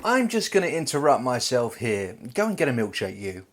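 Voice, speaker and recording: A man's voice: medium pitch, big pitch swings, normal speed, noisy background. A man narrating a scripted travel show as an upbeat host, with playful, wry storytelling. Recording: loud music bed behind voice. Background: guitar music.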